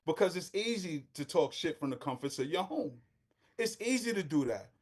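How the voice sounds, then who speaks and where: On a casual podcast, a middle-aged guest from Brooklyn, New York speaks at normal speed in a fairly high voice with lively intonation. He's passionate and heated, using street slang and rising close to a shout.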